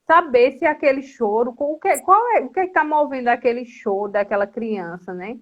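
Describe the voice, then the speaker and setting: A woman's voice: a little high, normal speed. A woman hosting a live conversation, agreeing often and thinking aloud, with many tag questions. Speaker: host. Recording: muffled lo-fi audio.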